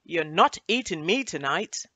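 A woman's voice: on the low side, lively intonation, a little slow, bright, forceful tone, dry recording, heavily acted. A woman reading aloud as a bossy magical female ginger biscuit in a children's storybook. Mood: bossy cheerful.

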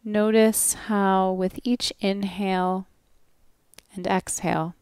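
A yoga nidra instructor leads a relaxation practice very slowly and without hurry, giving gentle, soothing instructions broken by long pauses. Her medium-pitched voice is smooth and clear with fairly even intonation, and the sound is close and dry with no echo.

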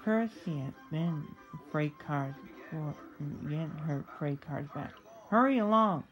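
Slow halting woman storyteller. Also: deep voice, dark tone, soft background music, poor audio. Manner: halting, stumbling reading. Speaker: narrator. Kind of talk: storybook reading.

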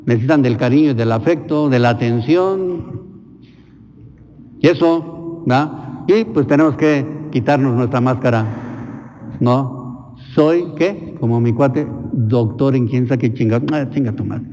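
Mexican man, priest, blunt slangy homily, mellow dark voice, long chapel reverb. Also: mid-range voice, a little slow. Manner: colloquial, earthy and blunt, with slang and swearing. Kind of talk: informal homily and prayers at Mass.

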